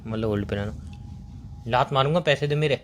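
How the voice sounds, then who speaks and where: A man's voice: mid-range voice, a little fast, fairly bright tone, a little hiss or hum. A young man making a prank phone call to his girlfriend, accusing her in a teasing, mock-serious way.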